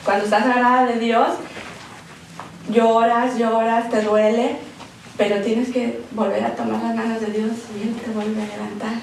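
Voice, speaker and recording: A woman's voice: fairly high pitch, a little slow, vocal fry, distant mic, a little hiss or hum. A woman giving a church talk to women, mixing a sermon with a personal story and lots of repeated words and tag questions. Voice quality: animated, swings between loud emphasis and soft emotional tones. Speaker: guest speaker at a women's church session. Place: church hall. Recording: echoey hall, speaker away from the mic.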